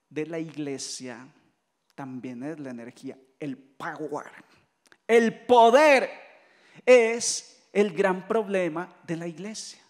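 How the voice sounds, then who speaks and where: High-voiced Colombian priest preaching in a reverberant hall. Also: male voice. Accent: Colombian Spanish. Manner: lively storytelling preacher who mimics voices and jokes. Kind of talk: retreat sermon.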